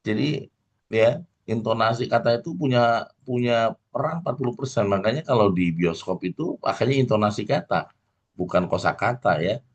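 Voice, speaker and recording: A man's voice: mid-range voice, moderate pace. A middle-aged man giving a motivational lecture as a coach. He keeps calling out to his audience, tags his points with "ya", and acts out little examples. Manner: addresses the audience warmly, full of "ya" tags and acted examples. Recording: dull lo-fi recording.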